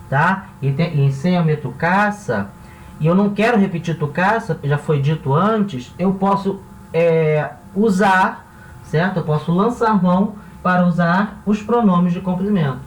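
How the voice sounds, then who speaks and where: A man from Brazil teaching a grammar lesson, explaining each step slowly and checking in with his listeners as he goes. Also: sits high, distant mic, slight background noise. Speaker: language teacher. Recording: echoey room, voice off-mic.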